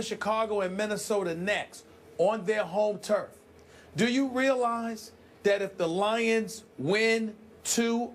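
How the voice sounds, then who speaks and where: A man's voice: high-pitched, slight background noise. A man hosting a heated sports debate, emphatic and dramatic, stretching out key words.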